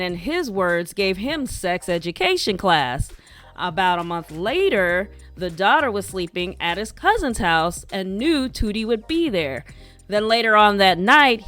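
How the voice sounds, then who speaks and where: A woman's voice: mid-range voice, a bit bright. A woman hosting a reality TV recap show, narrating scripted gossip in a chatty, wry, opinionated way.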